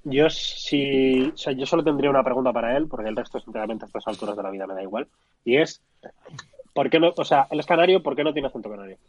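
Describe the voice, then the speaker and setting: A man from in a casual chat, relaxed and teasing, repeating words. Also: medium pitch, quick pace, no echo, lo-fi sound.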